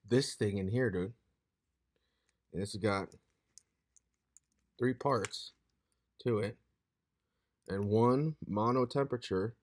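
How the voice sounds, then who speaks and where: Hoarse rambling man in his twenties. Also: on the low side, darkish tone. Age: 20s. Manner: loose and meandering, saying "dude" constantly. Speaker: vlogger. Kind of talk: rambling casual vlog.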